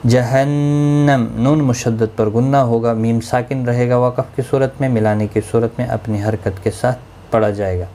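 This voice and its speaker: A man teaching Quran recitation rules, explaining each word in brisk, rule-by-rule steps and chanting the verses slowly. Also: mid-range voice, steady tone, warm tone, a little hiss or hum. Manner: slow melodic Quran recitation between explanations. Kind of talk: tajweed lesson, explaining each word in Urdu.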